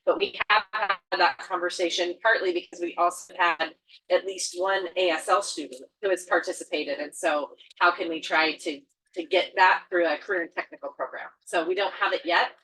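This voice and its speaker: A woman answers a question at a school board meeting in a measured, explanatory way. Her voice sits on the low side but sounds bright and crisp. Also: rough recording.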